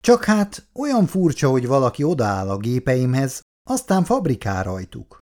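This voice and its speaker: A gruff, proud old factory worker bristles and grumbles, read by a man. His pitch swings widely. It is a storybook reading. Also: huge pitch swings, darkish tone. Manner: gruff and indignant. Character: elderly male factory worker, proud and stubborn. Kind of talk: reading a novel aloud.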